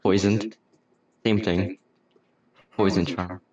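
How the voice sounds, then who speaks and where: A man's voice: low-pitched, fairly even intonation, takes it slowly, darkish tone, muffled recording. A man bantering casually as a tabletop game player, with a dry, wry delivery. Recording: echoey room, distant from mic.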